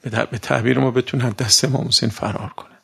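A male preacher giving a conversational sermon in a gravelly voice with a husky edge. He talks in an everyday way and keeps asking his listeners rhetorical questions. He drags out key words slowly for emphasis. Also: mid-range voice, fairly even intonation. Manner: colloquial, asks the audience rhetorical questions.

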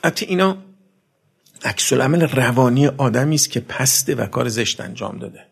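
A man preaching a sermon, swinging between loud emphatic outbursts and soft low passages, and asking his listeners questions directly. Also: animated, creaky, husky. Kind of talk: religious sermon.

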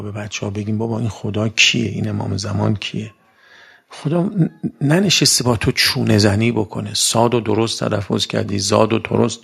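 A man preaching a conversational sermon in a colloquial way, slowing down for emphasis and asking his listeners rhetorical questions. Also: mid-range voice, gravelly, slightly rough.

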